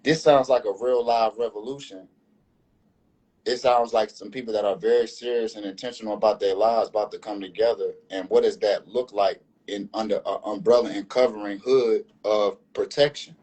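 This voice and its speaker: A man's voice: on the low side, steady tone, moderate pace, warm tone, breathy edge, low-quality recording. A man speaking earnestly as a panel guest in a live online discussion, repeating and restarting phrases as he builds his point.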